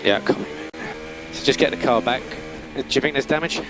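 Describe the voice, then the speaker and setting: A man's mid-pitched voice comes over a noisy race car radio with vehicle sound behind it. He is a race engineer feeding the driver clipped instructions, often repeating the key words. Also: a little fast.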